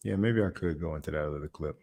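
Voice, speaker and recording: A man's voice: rumbling low, fast, creaky, mellow. A man hosting a reaction video, commenting casually on a clip and laughing often, repeating his phrases.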